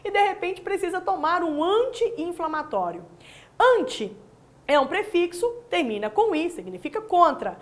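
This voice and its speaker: A woman's voice: extremely high pitch, very animated, moderate pace. A woman teaching a recorded distance-learning lesson, asking the viewer questions and answering them with friendly tag questions. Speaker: Portuguese language teacher.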